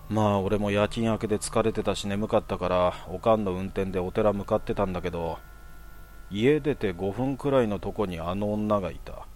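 A young man telling a personal horror story in a hushed, casual way. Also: on the low side, normal speed, a little hiss or hum.

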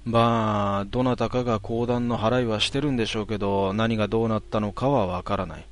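Hushed man telling a ghost story. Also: fairly low pitch, fairly even intonation. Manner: hushed, drawn-out, dramatic pauses.

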